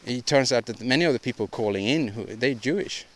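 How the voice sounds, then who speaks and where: A man hosting his own podcast, talking alone in a halting, rambling, opinionated way with many restarts and repeated words. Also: medium pitch. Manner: opinionated, ranting delivery. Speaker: podcast host. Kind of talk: solo podcast monologue.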